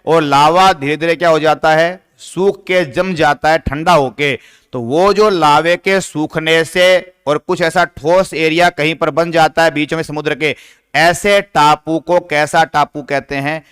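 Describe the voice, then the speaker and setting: A man's voice: a little high, fairly bright tone, clear, resonant tone. A man teaching a poem in a lesson, asking his class questions and then answering them himself. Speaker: English literature teacher.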